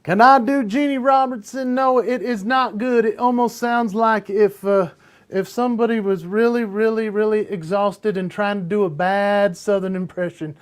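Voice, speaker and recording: A man's voice: high voice, fairly even intonation, moderate pace, clear, resonant tone. A man guest, an impressionist, chatting casually and joking at his own expense. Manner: self-deprecating, playful. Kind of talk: casual chat.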